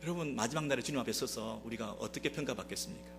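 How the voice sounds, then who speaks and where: A man's voice: medium pitch, very fast, gravelly, slight background noise. A Korean man preaching a Sunday sermon as a pastor, speaking straight to the congregation with many rhetorical questions. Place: church sanctuary.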